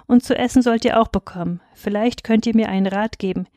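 A woman's voice: fairly high pitch, fairly even intonation, brisk, a little mellow, no echo, lightly acted. A woman voicing a friendly male master builder who talks in a conversational way.

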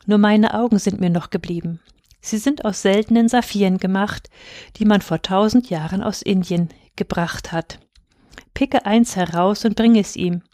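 A woman voicing a kind, sorrowful statue prince in a storybook reading, speaking gently and pleadingly. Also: mid-range voice, moderate pace, no room sound, clean studio sound, close to an everyday voice. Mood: tender.

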